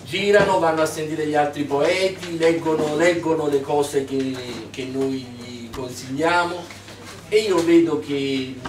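A man's voice: fairly high pitch, background noise. Man hosting a poetry evening, echoey. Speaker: host of a poetry workshop evening. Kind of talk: introducing readers at a live event. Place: poetry reading event. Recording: echoey room, distant mic.

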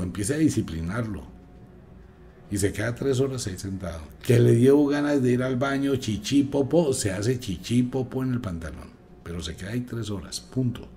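A man giving an emphatic, preachy radio talk as host, moving between loud and hushed delivery. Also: medium pitch. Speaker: radio host, magic teacher.

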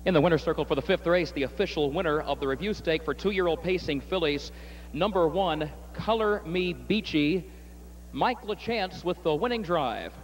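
A high-pitched man calls a harness race outdoors, rattling off horses, owners and positions in a crisp, brisk announcer's delivery. A faint hum of noise sits under the broadcast. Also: poor audio. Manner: rapid crisp calling, rising excitement in stretch. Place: outdoor racetrack.

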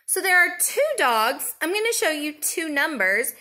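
A woman in her thirties leading a children's counting lesson, talking simply and in a sing-song way as to a toddler, with questions and pauses for answers. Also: high voice, sing-song, sharp tone. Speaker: preschool teacher.

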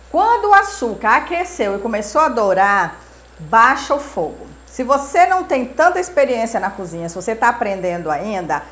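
A woman's voice: sits high, a bit bright. A woman in her forties hosting a cooking show in a home kitchen, teaching step by step in a patient, repetitive way.

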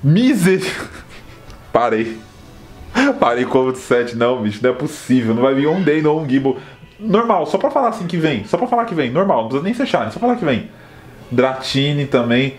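A man with a Brazilian accent giving casual, excitable commentary on a mobile game, often exaggerating his emotions. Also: medium pitch, brisk, faint music behind. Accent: Brazilian Portuguese. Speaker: Pokémon GO vlogger. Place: outdoors at night, then indoors.

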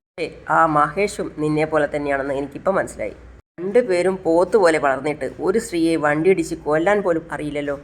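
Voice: mid-range voice, fast, lightly acted. A narrator voicing a scornful old grandmother. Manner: scolding, contemptuous.

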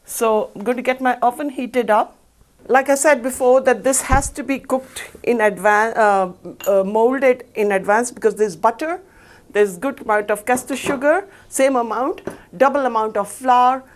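A woman's voice: a little high, normal speed. A middle-aged woman hosting a cooking show, explaining each step in a chatty, upbeat way as she works in a studio kitchen. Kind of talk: cooking demonstration. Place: studio kitchen set, indoors.

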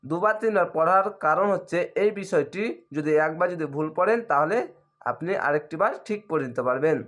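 A man with a somewhat high voice leads a recitation lesson. He chants each word in long, drawn-out syllables, then breaks off to explain the reading rules in brisk, plain speech. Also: fairly bright tone. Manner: drawn-out chanting of words between quick explanations. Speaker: Quran reading teacher. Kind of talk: slow spelled-out recitation lesson.

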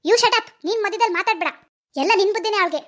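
Bossy, snobbish cartoon mom, woman's voice, loud and condescending. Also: very high voice, fast talker. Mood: scornful. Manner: sharp, scolding, condescending. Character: snobbish middle-aged mother, scolding and bossy.

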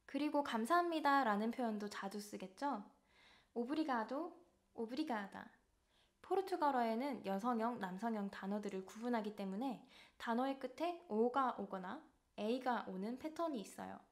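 A woman with a slightly high voice gives a friendly travel phrase lesson. She explains each expression and then says it again slowly and clearly so learners can follow along. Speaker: language teacher. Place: in Porto, Portugal.

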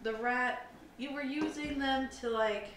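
Young woman podcast co-host, rambling and self-deprecating, bright tone, echoey room, faint hiss. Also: high voice, measured pace. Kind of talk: casual chat. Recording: roomy, slightly distant mic with faint hiss.

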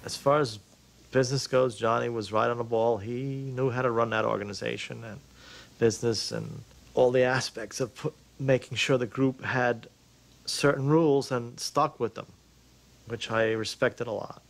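A man giving a frank, measured opinion in a documentary interview. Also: medium pitch, fairly even intonation, gravelly.

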